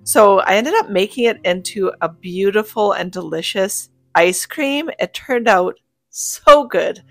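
A woman's voice: mid-range voice, lively intonation, unhurried. A woman, narrating a cook-with-me homemaking vlog in a cheerful, chatty way and talking straight to viewers. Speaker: homemaking vlogger. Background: soft guitar music.

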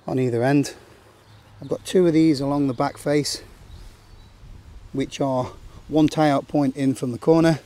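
A man in his forties calmly talking through a camping setup, step by step, in an open meadow outdoors. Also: mid-range voice. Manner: plain, matter-of-fact instructional talk. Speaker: outdoor gear vlogger.

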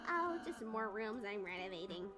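A woman voicing a polite, earnest young goat prince in a video game, courteous and gently scolding. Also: mid-range voice, very animated, moderate pace, loud music behind the voice, lightly acted.

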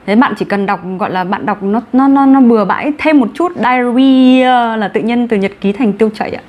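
A woman with a Vietnamese accent teaching English vocabulary in an online class, brisk and encouraging, mixing Vietnamese and English. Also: on the high side, darkish tone.

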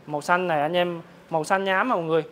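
A man, a motorbike dealer, giving a hard-sell promotional sales pitch to viewers, repeatedly rattling off prices. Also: steady tone, very fast, a bit bright, a little hiss or hum. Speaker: motorbike dealer presenting his stock. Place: large open-sided metal-roofed motorbike warehouse.

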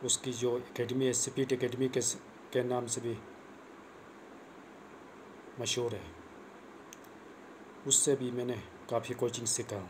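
A man's voice: medium pitch, little pitch movement, slow pace, long pauses, background noise. A young man, giving a plain, repetitive cricket bowling tutorial into a lapel mic in a small room. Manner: plain, repetitive, earnest instruction. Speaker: cricket coach vlogger. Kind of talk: casual spoken tutorial. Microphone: clip-on lapel mic, phone camera close.

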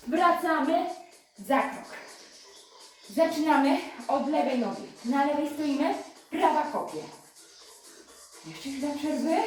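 A female fitness instructor coaching a live workout, counting reps and giving brisk, encouraging cues while she exercises, sometimes short of breath. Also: high-pitched, a little mellow. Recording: echoey room, voice from a distance, music behind.

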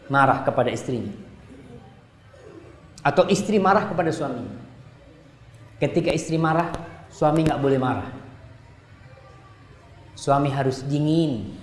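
Animated male preacher in an echoey hall. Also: on the high side. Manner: animated, swinging between loud exclamations and quiet asides; addresses the congregation directly. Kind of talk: sermon. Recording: echoey hall with long reverb.

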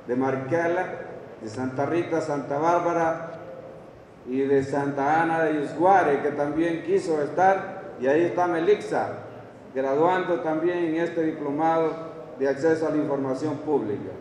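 A man's voice: fairly high pitch, measured pace, darkish tone. A man in his fifties with a Honduran accent gives a formal ceremonial speech at a lectern. He reads long lists of towns and names from a page and adds brief asides. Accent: Honduran Spanish. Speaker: official speaker at a graduation ceremony. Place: large indoor hall, at a lectern. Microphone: lectern microphone. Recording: echoey hall recorded from a distance.

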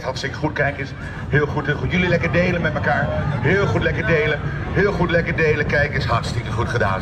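A man working as a children's entertainer, encouraging a live dance show with short repeated phrases, outdoors in a theme park. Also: a little high. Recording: distant PA with very loud music. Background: loud music.

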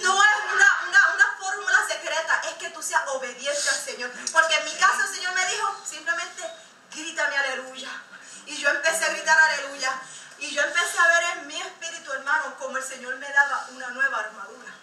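A woman's voice: high-pitched, fast talker, sharp tone, slight background noise. A woman giving an impassioned testimony sermon at a church service, exhorting the congregation. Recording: echoey room, mic far off.

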